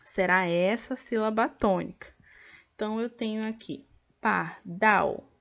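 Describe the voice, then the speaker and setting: A woman teacher with a Brazilian Portuguese accent, patiently walking pupils through a workbook and sounding out each word clearly. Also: mid-range voice. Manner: patient, over-articulates words to count syllables. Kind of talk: slow classroom explanation of an activity book.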